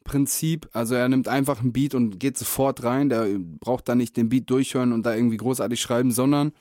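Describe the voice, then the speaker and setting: A man's voice: mid-range voice, steady tone, fairly quick, mellow, dry recording, clean studio sound. A young man co-hosting a podcast, talking in loose, slangy, laid-back banter. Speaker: podcast co-host. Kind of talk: casual chat.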